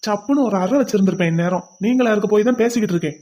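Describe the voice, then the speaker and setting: A woman's voice: medium pitch, rapid-fire, dark tone, lightly acted. A woman voicing a stern young husband in a cartoon who lectures and scolds. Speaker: cartoon voice actor. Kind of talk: cartoon voice acting.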